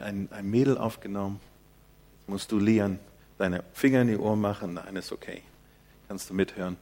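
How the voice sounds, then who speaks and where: An older man preaching a sermon in a quiet, soft-spoken manner. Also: medium pitch.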